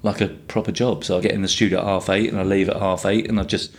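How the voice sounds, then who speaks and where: Low-voiced Englishman in his fifties. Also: flat delivery, fast talker. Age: 50s. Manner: rambling storyteller, swears freely. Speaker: guest artist. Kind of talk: casual chat.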